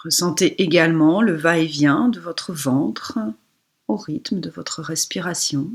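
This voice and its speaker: With a low, soft, breathy voice, a woman yoga instructor guides listeners through a relaxation meditation, offering slow, soothing directions broken by pauses.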